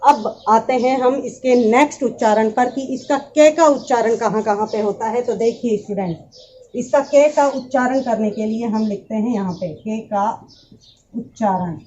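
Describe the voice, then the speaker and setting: A woman's voice: on the high side, normal speed, dark tone, muffled recording, slight background noise. A woman teaching English pronunciation, patiently addressing her students and repeating each word. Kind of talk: classroom lesson explaining pronunciation.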